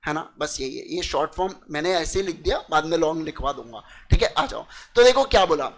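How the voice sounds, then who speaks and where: A man's voice: a little high, expressive, quick pace, poor audio. A young man giving a chatty lecture to students. He mixes in English terms and keeps checking that they understand. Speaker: teacher. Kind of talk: casual classroom lecture.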